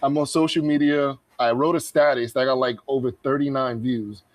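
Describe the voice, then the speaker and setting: A man's voice: medium pitch, normal speed, no echo, rough recording. Chatty man with a dry close sound. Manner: animated, laughs often, many fillers. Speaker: podcast co-host. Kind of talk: excited casual sports chat.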